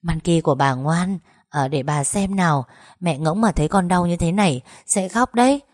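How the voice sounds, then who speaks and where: A woman voicing a gentle grandmother who soothes and coaxes in a spoken story. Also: lowish voice, normal speed, dry recording, studio quality, natural voice. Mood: soothing. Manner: soothing, coaxing murmur.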